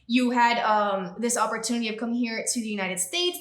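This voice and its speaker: A woman hosting a casual interview, bubbly and quick to laugh. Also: fairly high pitch, steady tone, roomy sound. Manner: bubbly, giggly. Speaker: host.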